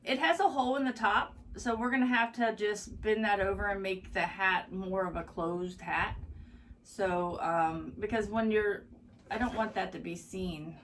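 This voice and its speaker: A woman's voice: mid-range voice, steady tone, measured pace, recorded from a distance, slight background noise. Chatty, upbeat woman demonstrating a craft. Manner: chatty and upbeat, gushing over how cute things are. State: slightly hoarse. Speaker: craft tutorial host.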